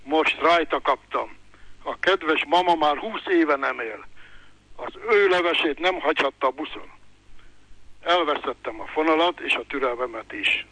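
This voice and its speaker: A man reads his own comic short story in a dry, deadpan manner that lets the jokes land on their own. His voice is bright and a touch tense. The studio sound is close and dry, with no room around it. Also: a little high, no echo, rough recording. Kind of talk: humorous story read aloud.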